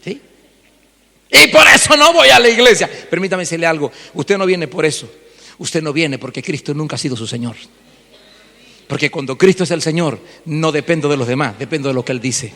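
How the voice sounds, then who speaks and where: A male pastor preaching an animated sermon, firing off rhetorical questions and mimicking church members. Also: fairly high pitch, fairly quick, slight background noise. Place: church hall. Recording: long church reverb.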